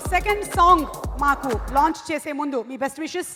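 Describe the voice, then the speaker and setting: A woman's voice: high voice, a little fast, over loud music. A woman anchoring a stage event, announcing guests into a stage microphone. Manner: announcing, mixing in English. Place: stage in a hall. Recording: echoey hall over stage PA.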